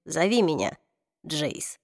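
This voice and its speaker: A woman reader voicing a young man who speaks low, hushed and clipped, reading a fantasy audiobook. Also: sing-song, takes it slowly, dry recording, clean studio sound, full character voice. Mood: stunned. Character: young man, stunned, then cold and sharp.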